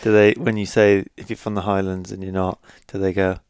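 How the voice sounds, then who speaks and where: A man's voice: sits low, little pitch movement, fairly quick, a little mellow, clean tone, dry recording, studio quality. A man hosting a podcast in a casual, informal conversational style. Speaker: podcast host. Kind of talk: casual chat and informal announcements.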